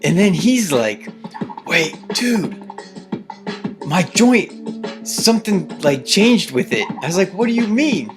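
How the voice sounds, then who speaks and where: A man's voice: high voice, slow, long pauses, music in the background. Rambling young man telling a wild story. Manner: excited, rambling, swears freely, voice jumps up when quoting himself. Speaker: vlogger recounting a trip. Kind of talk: casual storytelling to camera. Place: his home, indoors.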